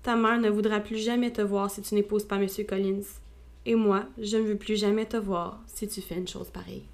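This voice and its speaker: A woman's voice: mid-range voice, level tone, brisk, lightly acted. A woman voicing a dry, detached older father in a storybook reading, placid and unbothered.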